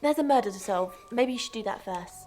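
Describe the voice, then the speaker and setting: A woman's voice: on the high side, animated, quick pace, a little mellow, soft background music, lightly acted. [name], a woman voicing a teasing flirt. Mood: flirty. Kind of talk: game character dialogue.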